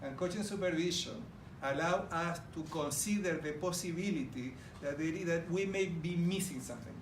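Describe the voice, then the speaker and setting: A middle-aged man from Argentina speaks at a normal speed in a voice on the high side, his accent Argentine Spanish. He delivers an enthusiastic presentation straight to the audience in a large room, captured on distant, roomy audio with background noise.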